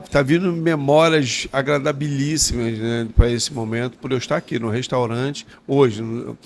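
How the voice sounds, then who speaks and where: A man, a former footballer talking as a guest in a restaurant, heartfelt with halting restarts. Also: medium pitch, vocal fry, a little hiss or hum. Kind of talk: emotional storytelling interview.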